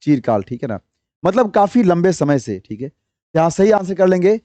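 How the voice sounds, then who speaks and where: High-voiced male Hindi exam tutor. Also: sing-song, moderate pace, warm tone, no room sound. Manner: explains step by step, repeats answers, quizzes viewers. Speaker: exam prep teacher. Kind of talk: online exam-prep lesson.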